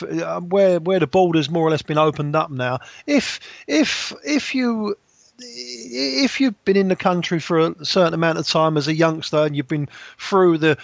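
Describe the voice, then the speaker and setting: Podcast co-host, male, fairly high gravelly voice, halting delivery, dull dry recording. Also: no echo. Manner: rambling, halting with many restarts. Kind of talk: casual football chat.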